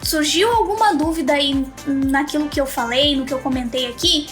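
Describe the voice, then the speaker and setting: A Brazilian woman with a very high voice teaches public speaking in a live stream, talking straight to her viewers. She explains her points in a clear, instructive way and sometimes puts on quick example voices. Soft music plays faintly behind her. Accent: Brazilian Portuguese. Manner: didactic, direct address to viewers, acts out example voices. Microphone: phone.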